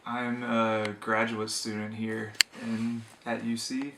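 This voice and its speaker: A young man speaks calmly in a low, flat, gravelly voice. He is recorded from some way off in an echoey room. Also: slow pace, recorded from a distance, very noisy. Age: young adult. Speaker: graduate student interviewee. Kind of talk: casual interview answer.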